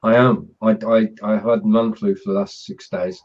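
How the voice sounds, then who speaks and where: A man hosting a casual online chat show, explaining things in a halting, measured way. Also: lowish voice, lively intonation, creaky, darkish tone. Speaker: host. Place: group video call. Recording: dull, lo-fi video call audio.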